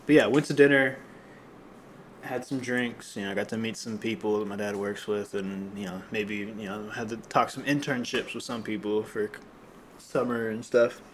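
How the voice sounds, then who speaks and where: A man's voice: lowish voice, steady tone, normal speed, slight background noise. Young man rambling through a story. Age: young adult. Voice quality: throat-clearing, slightly rough. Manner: rambling storyteller, many fillers and restarts. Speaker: podcast co-host. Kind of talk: casual chat.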